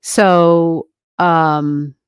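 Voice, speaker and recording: Speaking extremely slowly, a woman with a low, clear, resonant voice and level tone hosts an astrology livestream. She chats casually with viewers, rambling and laughing a lot, from a home room that isn't soundproofed. She uses a desk microphone turned down halfway, and there's no echo.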